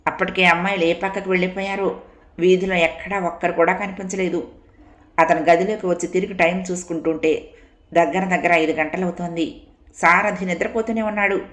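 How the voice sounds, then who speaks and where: A woman narrating a story in a steady, expressive reading. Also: fairly low pitch, fairly quick. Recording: echoey room.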